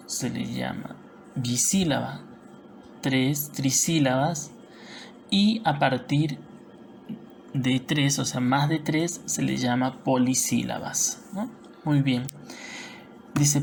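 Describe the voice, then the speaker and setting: A Peruvian Spanish woman teaching a recorded lesson in a low, gravelly voice. She explains step by step and keeps asking whether the class is following. A faint hiss sits under the recording. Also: a little mellow. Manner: patient, explanatory, frequent tag questions.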